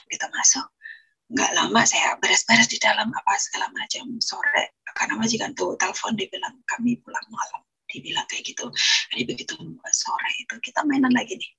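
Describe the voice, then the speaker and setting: A woman from Indonesia recounts her personal testimony in an earnest, rambling way, often circling back and restarting her sentences. Her voice is very breathy and husky, close to a whisper much of the time. Under that airiness there is a gravelly fry, with a bright, pointed edge to the tone. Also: fairly high pitch, no echo, rough recording. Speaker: guest giving a testimony.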